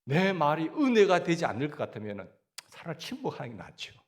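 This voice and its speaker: A man's voice: fairly high pitch, wildly swooping pitch, fairly quick. A man with a Gyeongsang Korean accent preaching a sermon as pastor, asking the congregation questions and answering them himself.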